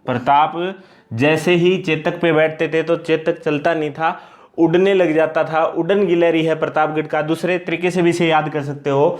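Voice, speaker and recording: A man's voice: a little high, steady tone, normal speed. A man teaching an exam-prep lesson, repeating points and asking questions he answers himself. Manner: repetitive, explains by asking and answering itself.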